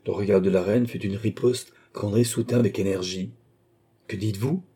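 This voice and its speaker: A man narrating a classic novel as an audiobook in a measured, even manner. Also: on the low side, breathy edge. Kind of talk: scripted narration.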